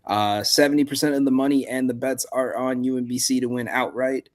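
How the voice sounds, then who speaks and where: A man's voice: mid-range voice, steady tone, brisk. A man hosting a sports betting show, reading out spreads and percentages and passing to each panelist. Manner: reads out betting lines and percentages, hands off to panel. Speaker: host.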